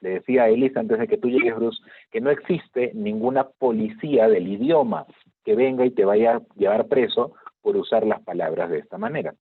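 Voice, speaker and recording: A man's voice: lowish voice, lively intonation, fairly quick, slightly rough. Male teacher, patient explainer on a video call, narrow tinny audio. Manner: explanatory, checks in with frequent "¿de acuerdo?". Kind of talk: online class lecture.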